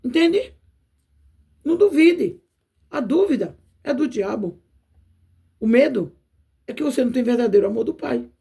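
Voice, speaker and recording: Woman, Brazilian Portuguese accent, preacher, informal video sermon, gravelly fry, folksy tag questions. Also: fairly high pitch, animated, moderate pace, pauses often, dark tone.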